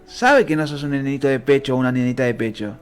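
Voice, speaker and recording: A man with a Rioplatense Spanish accent teaching the Bible in a fervent, emotional sermon that swings between low and high pitch. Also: fast talker, faint music behind.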